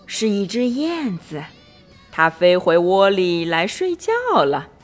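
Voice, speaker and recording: A woman doing a patient, sleepy storybook friend, slow, gentle, soothing, faint music behind. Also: lowish voice. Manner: calm, soothing, yawning.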